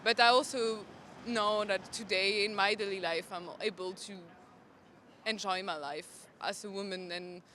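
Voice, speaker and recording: A woman's voice: mid-range voice, fairly even intonation, measured pace, sharp tone, a little hiss or hum. A young woman from Belgium answering a street interview outdoors, hesitant and full of fillers.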